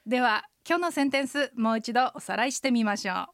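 A woman hosting a radio language lesson, explaining phrases patiently and clearly, often with a short "hai". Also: a little high, fairly quick, fairly bright tone, no echo, clean studio sound.

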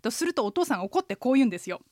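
A woman in her forties hosting a radio language lesson, explaining pronunciation slowly and carefully. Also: on the high side, sing-song, a little mellow, no room sound, clean studio sound.

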